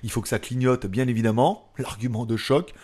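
A man's voice: mid-range voice, fairly quick, a little mellow. A man hosting a casual tech news vlog, chatty and sarcastic, with frequent fillers and asides. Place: lives in Thailand.

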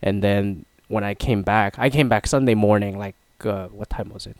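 A man with a lowish, steady voice speaks at a moderate pace, recorded cleanly with no room sound. Hosting a casual solo podcast, he rambles and pokes fun at himself, sounding nasal and stuffy with a throat that's half gone.

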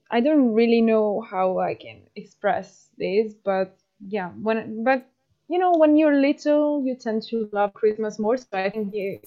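Hesitant young woman, muffled audio. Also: medium pitch. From northern Italy. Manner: hesitant, searching for words, self-deprecating. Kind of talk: casual chat.

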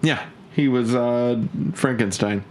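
A man hosting a podcast, laid-back and chatty, often laughing and pausing with "uh". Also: medium pitch, darkish tone, a little hiss or hum. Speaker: podcast host. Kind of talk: casual chat.

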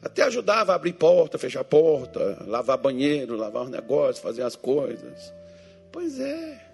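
A man's voice: medium pitch, wildly swooping pitch, moderate pace, gravelly, darkish tone, soft background music. A man preaching a joking sermon as pastor, teasing his congregation and acting out Bible figures and churchgoers in different voices.

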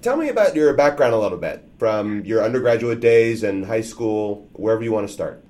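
Low-voiced man hosting an interview. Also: expressive, mellow. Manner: measured, polite questioning. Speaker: interview host. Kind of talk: scripted intro, then interview questions.

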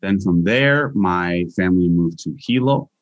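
A man's voice: sits low, lively intonation, unhurried, no echo, dull audio. A young Hawaiian man answering interview questions casually as a guest scientist, with frequent restarts and fillers.

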